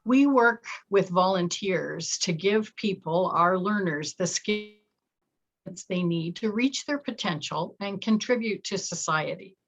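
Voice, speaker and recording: A woman's voice: mid-range voice, unhurried, low-quality recording. A woman presenting on a video call, her audio cutting in and out with uneven volume. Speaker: program coordinator presenting.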